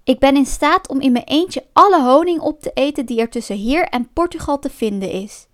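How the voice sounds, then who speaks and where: A woman voicing a big, gullible male bear in a storybook who is mad for honey, eager and pleading, his voice jumping high. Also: lively intonation, moderate pace. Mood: greedy eager.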